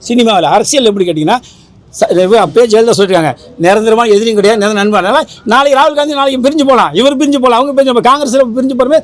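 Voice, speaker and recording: Man, high voice, quick, emphatic, rambling, press interview. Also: dry recording. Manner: emphatic, rambling, repeats himself. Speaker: film association leader.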